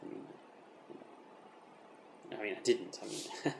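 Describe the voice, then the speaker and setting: In a mock documentary interview, a man plays a self-important British razor developer, speaking in a lowish voice with vocal fry in a heavily acted, improvised-sounding monologue. He boasts with deadpan earnestness and false modesty, sounding falsely modest while halting and defensively repeating himself. The room has a roomy echo with faint background noise.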